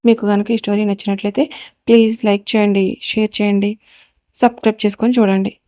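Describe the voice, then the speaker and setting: A woman narrating a serialized family drama story in a steady, even reading voice. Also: mid-range voice, fast, dry recording.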